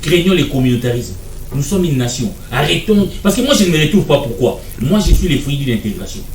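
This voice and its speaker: A man's voice: a little high, big pitch swings, a little fast, darkish tone, roomy sound, recorded from a distance, slight background noise. A man, arguing as a guest in a televised political debate, insistent and repeating his points. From Democratic Republic of the Congo.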